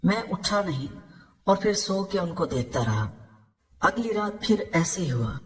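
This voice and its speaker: Telling a scripted story in the first person, a man speaks unhurriedly in a voice that sits high for a male and rises and falls in a lively way. Every phrase trails off into a long reverb, like in a large hall.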